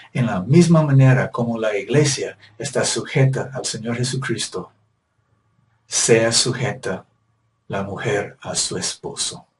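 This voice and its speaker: A man's voice: mid-range voice, far from the mic. A male preacher giving a sermon, emphatic and repetitive, with rhetorical questions.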